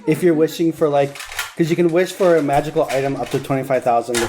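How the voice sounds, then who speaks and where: A man's voice: fairly high pitch, steady tone, fast talker, background noise. A man playing a tabletop game, explaining rules and thinking aloud in casual chat. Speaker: player.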